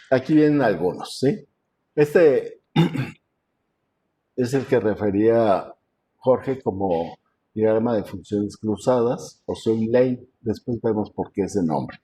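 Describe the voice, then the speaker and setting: A man lecturing an online class as professor, talking in a conversational way with many fillers and frequent throat clearing, over a video call. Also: on the low side, animated, slow pace, pauses often, warm tone, a little hiss or hum.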